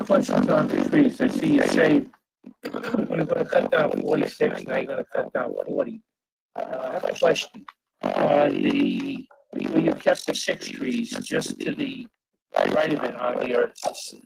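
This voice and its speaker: A man's voice: a bass voice, huge pitch swings, takes it slowly, creaky, background noise. Man on a garbled, breaking-up call. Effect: garbled, breaking-up video call audio. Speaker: planning board member. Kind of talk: public meeting remarks. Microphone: computer microphone on a video call.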